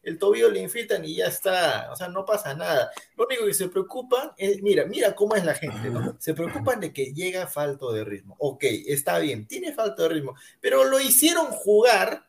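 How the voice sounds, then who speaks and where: A man's voice: sits high, very animated, fairly quick, gravelly, few pauses. A man co-hosting a football podcast over a video call, ranting indignantly, swearing and talking over the others. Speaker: podcast co-host and pundit. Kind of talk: heated football debate.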